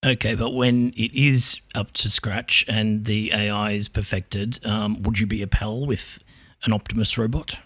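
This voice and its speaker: A man with a low voice hosts a casual podcast. He questions his AI guest in a relaxed, probing way, and the recording sounds dry and close. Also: measured pace, slightly rough, no room sound. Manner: relaxed, probing, with frequent ums. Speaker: podcast host. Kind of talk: casual tech podcast chat.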